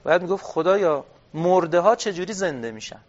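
A man with a fairly high voice giving a religious studies lecture on a dull, lo-fi recording. He reads Arabic text aloud, then rephrases it plainly. He asks his listeners questions and answers them himself. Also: lively intonation. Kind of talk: classroom lecture on Quranic exegesis.

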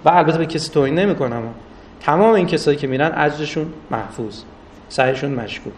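A man giving a religious lecture with stories, rising for emphasis and drawing out recited Arabic phrases. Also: fairly high pitch. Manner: animated, rises for emphasis, drawn-out Arabic recitation. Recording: distant mic with faint noise.

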